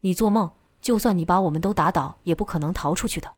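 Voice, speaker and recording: A woman's voice: fairly low pitch, quick pace, breathy edge, no echo, clean studio sound. A woman voicing a proud, unyielding military general man in a storybook reading, speaking defiantly.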